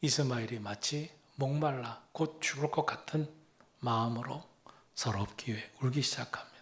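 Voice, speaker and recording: Man, pastor, sermon, mid-range pitch, dramatic storytelling, frequent breathy whispers. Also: moderate pace, a bit bright.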